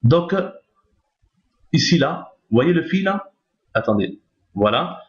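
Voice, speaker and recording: A man teaches a recorded Arabic reading lesson, explaining on screen, patiently repeating each point and checking understanding. His voice is on the high side, sing-song and slow, captured in a roomy, dull lo-fi recording.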